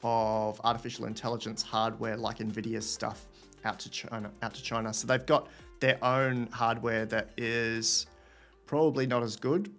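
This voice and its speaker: A man in his thirties hosts a livestream Q&A from a room at home, chatting casually into his webcam. He thinks aloud and reads viewer questions, his voice medium in pitch and fairly bright.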